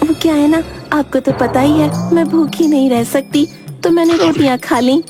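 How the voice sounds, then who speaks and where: Woman doing a whiny young bride, always hungry, very high voice, cartoon with music behind. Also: fairly even intonation, normal speed, natural voice. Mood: pleading. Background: background music.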